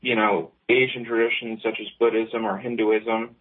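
A man's voice: on the low side, little pitch movement, normal speed. A male caller on a speakerphone over an internet call, explaining his point hesitantly with many ums. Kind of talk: call-in radio talk. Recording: tinny phone-like call line.

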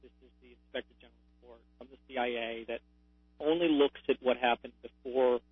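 A man's voice: medium pitch, fairly even intonation, fairly quick, slightly rough, no echo. Male radio guest, phone held away, faint and dry, hesitant with restarts. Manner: hesitant, restarts and repeats words. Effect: phone held away from the mouth, voice fading. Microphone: cordless phone. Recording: tinny phone line.

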